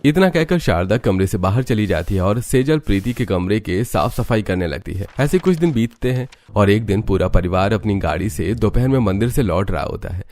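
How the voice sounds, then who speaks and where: Male narrator, low pitch, steady scripted story reading. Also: normal speed, few pauses. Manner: even, storytelling.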